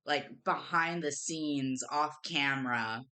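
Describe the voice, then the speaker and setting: Low, bright-voiced woman streamer. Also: takes it slowly. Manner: emotional, rambling with restarts. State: tearful at times. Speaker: streamer co-host. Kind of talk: casual livestream chat.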